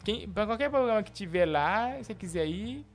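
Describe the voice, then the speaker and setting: A man's voice: sits high, brisk, faint music behind. A man hosting a live comedy show, joking around and doing hyped-up ad reads. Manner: jokey, animated hype-man ad reads.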